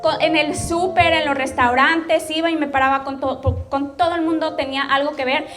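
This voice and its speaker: Mexican woman pastor, high voice, personal testimony over music, chatty storyteller. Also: steady tone, moderate pace, fairly bright tone. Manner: storytelling, addresses the audience directly with frequent "¿ok?".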